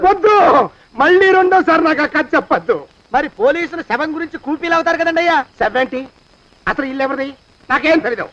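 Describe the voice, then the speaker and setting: An actor playing an excitable, quarrelsome man in a comedy film, exclaiming and bickering in film comedy dialogue. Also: very high voice, fast, muffled recording. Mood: excited.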